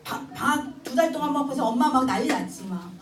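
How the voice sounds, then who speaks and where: High-voiced animated woman lecturer. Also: fast talker, crowd noise. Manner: animated storytelling, acting out child and mother dialogue, frequent laughter. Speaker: Bible memorization instructor. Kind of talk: lively church lecture with acted-out anecdotes. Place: church hall. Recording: echoey hall, distant mic, noisy.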